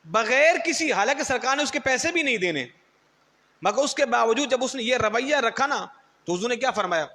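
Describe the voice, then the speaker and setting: A male preacher delivers a sermon in a high, sharp and bright voice. He tells stories and acts out the people in them. Long reverb trails his words. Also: expressive. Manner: storytelling, acts out quotes and mocks others' styles. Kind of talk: Urdu sermon.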